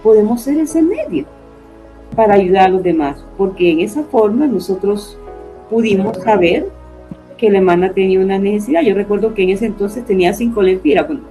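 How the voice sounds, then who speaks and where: A woman's voice: mid-range voice, animated, a little fast, warm tone, faint music behind, rough recording. A woman giving an earnest personal faith testimony as a panelist, often adding tag questions.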